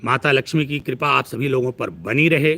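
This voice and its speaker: A man's voice: medium pitch, moderate pace, pushed and bright. A man giving a preachy live-stream astrology talk who piles up long lists of words.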